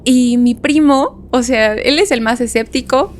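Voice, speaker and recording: A young woman with a Mexican Spanish accent telling a story in a casual podcast chat, animated and laughing often as she acts out voices. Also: high-pitched, a little slow, a little hiss or hum. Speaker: podcast guest.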